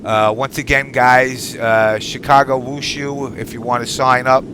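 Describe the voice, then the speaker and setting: A man's voice: mid-range voice, little pitch movement, unhurried, background noise. A man hosting a live online talk show in an informal, rambling way. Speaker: show host.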